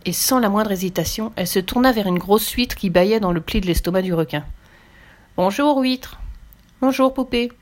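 A woman reading a children's tale aloud, calm and steady, with a lift of expression at lively moments. Her voice sits at an ordinary middle pitch. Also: quick pace, few pauses. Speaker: storyteller. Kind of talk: children's story read aloud.

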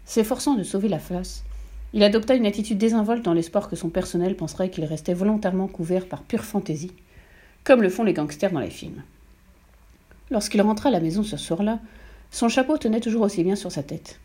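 A woman narrating a children's novel in a measured, expressive storytelling manner. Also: medium pitch. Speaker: audiobook narrator.

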